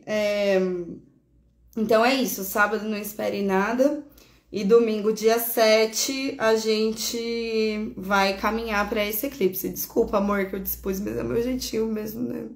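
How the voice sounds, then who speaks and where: A woman from Brazil, hosting a casual horoscope chat, talking affectionately, laughing often and correcting herself as she goes. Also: on the high side. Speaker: astrologer host. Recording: echoey room.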